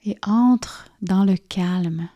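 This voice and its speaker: As a yoga nidra teacher, a woman narrates a guided relaxation meditation in a warm, mellow voice of typical female pitch. Her delivery is very slow, soft and soothing, with gentle pauses between phrases.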